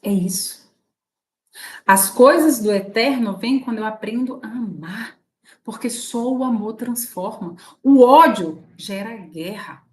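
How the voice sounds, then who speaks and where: A woman's voice: fairly high pitch, measured pace. Chatty Brazilian woman on a livestream. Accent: Brazilian Portuguese. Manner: chatty, asks the audience often. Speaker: spiritual livestream host. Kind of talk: casual spiritual talk.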